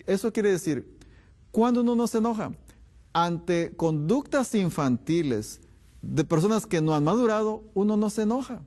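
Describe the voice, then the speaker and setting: A man's voice: high-pitched, lively intonation, normal speed, a little mellow. A man, a doctor, giving a health lecture, firing off rhetorical questions with emphatic delivery.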